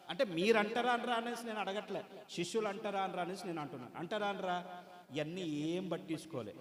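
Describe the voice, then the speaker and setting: A pastor preaching to a gathering in a large hall, his fairly high voice ringing with long reverb. He pulls the crowd into call-and-response, demanding answers and applause. He drops to quiet storytelling, then bursts into loud, high exclamations. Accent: Telugu. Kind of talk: sermon.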